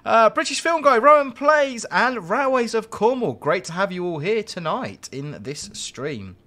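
Male stream host, chatty and jokey, fairly high, lively pitch. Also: a little slow. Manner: chatty, jokey, rambling asides to chat. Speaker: live-stream host and train driver. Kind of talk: live-streamed gameplay commentary.

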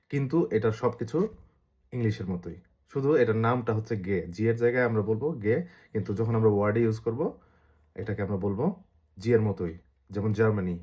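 A man with a Bangladeshi accent giving a casual lesson, repeating sounds slowly to demonstrate pronunciation. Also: medium pitch, darkish tone. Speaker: language teacher.

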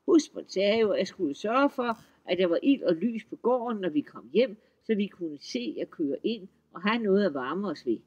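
A man's voice: high-pitched, animated, hardly any pauses, husky, dull audio. A man doing a sly, meek farmhand. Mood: dutiful. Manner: mild, polite, mock-innocent. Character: sly young farmhand playing innocent and dutiful.

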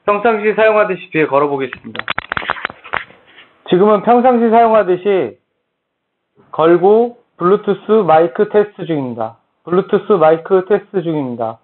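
Casting: male product reviewer, middle-aged, high voice, repetitive announcing delivery, muffled lo-fi Bluetooth mic sound. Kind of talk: scripted-style product test presentation to camera. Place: plain small room indoors. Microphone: various Bluetooth earphone and neckband mics. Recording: dull lo-fi Bluetooth headset microphones.

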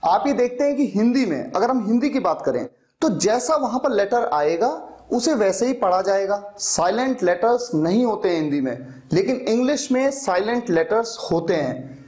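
A man's voice: sits high, lively intonation, moderate pace, a little mellow. A man teaching an English spelling lesson, who explains patiently, asks questions and answers them himself.

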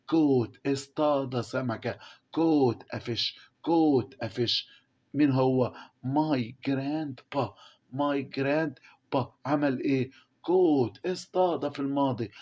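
Man, Egyptian accent, English teacher, repeats words, quizzes listeners, mid pitch, muffled recording. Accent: Egyptian Arabic. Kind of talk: classroom explanation.

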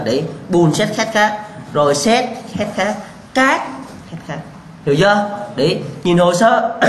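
A male lecturer drilling students with rhetorical questions, repeating key answers and bluntly warning them about mistakes. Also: fairly high pitch. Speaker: civil engineering lecturer. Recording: echoey room with faint background hum.

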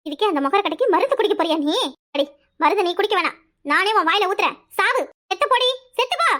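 A woman voicing a shrill scheming village mother. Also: lively intonation. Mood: scolding. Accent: Kanyakumari Tamil. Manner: shrill, scolding, fast, rising to yells. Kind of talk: cartoon voice acting.

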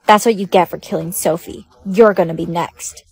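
A woman's voice: on the low side, fairly even intonation, moderate pace, vocal fry, a little mellow, breathy edge. A young woman acting many roles in comedy skits, teasing and blunt. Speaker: skit co-actor.

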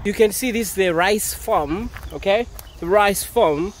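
A man's voice: high voice, measured pace, a little hiss or hum. A young man from Nigeria, chatting to viewers as a vlog host on a rural farm. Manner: animated, chatty, addresses viewers as guys. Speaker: vlogger host. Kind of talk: casual vlog narration to camera.

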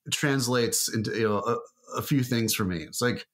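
In a brisk, mid-range voice, a man appears as a marketing guest on a podcast, talking loosely and casually while rambling with lots of fillers and restarts.

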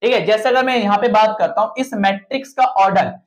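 A man's voice: sits high, brisk. A man who teaches physics and maths, lecturing his students in a classroom style, asking questions and repeating the answers back to them. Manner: mixes in English technical terms.

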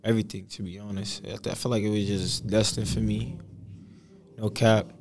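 A man's voice: fairly low pitch, flat delivery, moderate pace, background noise. A young man, a rapper from Boston, talking casually in an interview with a laid-back, slangy manner. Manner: laid-back, slangy, many "you know what I mean" tags. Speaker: rapper guest.

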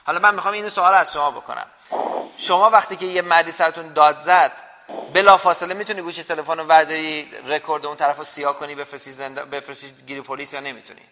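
A man's voice: a little high, steady tone, sharp tone, in a large hall. A man hosting a call-in show, arguing and lecturing his caller in a heated debate. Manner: argumentative, lecturing.

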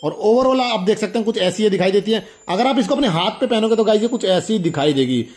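A young man hosts a casual toy review, his high, a little mellow voice animated and quick. He demos products for viewers with enthusiasm, exclaims a lot, and often says the same thing twice.

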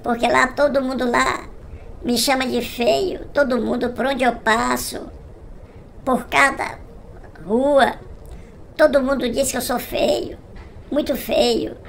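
A man's voice: extremely high pitch, fairly even intonation, slow, gravelly, pauses often, a bit bright, a little hiss or hum, voice pushed up, full character voice. A man voicing a self-pitying ugly young man who whines tearfully. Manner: whiny, tearful pleading.

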